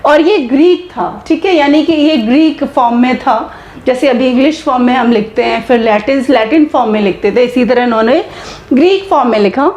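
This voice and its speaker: A woman teacher giving an exam-prep lecture, switching between Hindi and English, slowing down for English terms and often checking in with "okay" and quiz questions. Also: sits high, a little mellow, reverberant, dull audio. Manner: mixes Hindi and English, slow deliberate English phrases.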